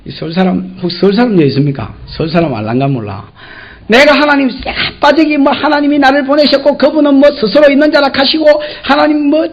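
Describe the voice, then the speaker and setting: A man preaching an expository sermon as a pastor, in a folksy, joking way with a Gyeongsang accent, acting out the dialogue. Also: very high voice. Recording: dull lo-fi church recording.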